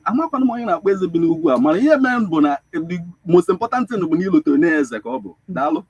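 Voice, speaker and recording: A man's voice: sits high, animated, very fast, breathy edge, no echo. A man with a Nigerian Igbo accent hosting a radio talk show, mixing English and Igbo and addressing others as "my brother". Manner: warm, welcoming, uses 'my brother'. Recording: dull lo-fi radio audio.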